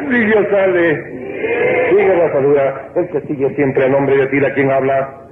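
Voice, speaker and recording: A man with an Ecuadorian accent hosting a live call-in joke show on the radio, brisk and barking cues at callers. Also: mid-range voice, fairly even intonation. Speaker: radio host. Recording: old tinny radio broadcast, echoey, noisy.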